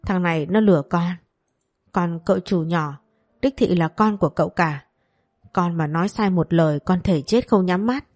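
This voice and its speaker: A woman's voice: lowish voice, normal speed, darkish tone, no room sound, natural voice. A woman voicing a young servant girl in an audio story, tearfully begging and swearing her innocence. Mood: pleading. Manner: pleading, tearful. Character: young maid caught cheating, wailing and begging.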